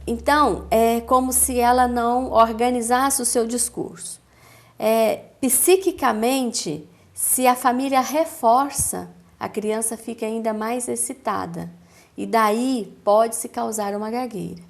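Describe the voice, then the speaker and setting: A woman with a Brazilian accent, a speech therapist giving a calm, didactic explanation in a TV interview, with measured pauses. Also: a little high, gravelly. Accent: Brazilian Portuguese.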